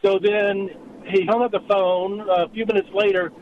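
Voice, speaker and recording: A man's voice: sits high, level tone, normal speed. A man calling in to a radio talk show over the phone, telling a rambling story in a casual way. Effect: heard over the phone. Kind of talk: casual call-in chat. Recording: muffled phone line with background noise.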